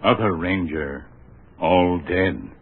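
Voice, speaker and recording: A slow, stoic Tonto on old radio. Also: male voice, low-pitched, husky, heavily acted. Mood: calm. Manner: slow broken clipped speech. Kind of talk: 1940s radio acting. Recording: tinny lo-fi old radio broadcast.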